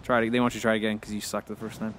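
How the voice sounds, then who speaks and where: A man's voice: fairly low pitch, little pitch movement, rapid-fire, a bit bright, soft background music. A man chatting casually during a let's-play, guiding the player through a video game. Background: video game ambience.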